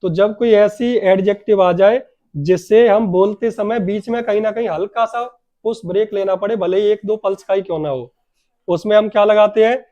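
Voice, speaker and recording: A man's voice: sits high, fairly even intonation, moderate pace, mellow. A man teaching a classroom grammar lesson, asking his students questions and answering them himself, and drawing out words to stress them.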